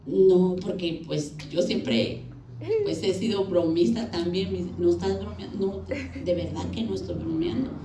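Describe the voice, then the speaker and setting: A woman's voice: fairly low pitch, fairly even intonation, normal speed. Middle-aged woman, testimony storyteller, plays out both voices in the dialogues; echoey church hall with faint hiss behind her. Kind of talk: spoken testimony.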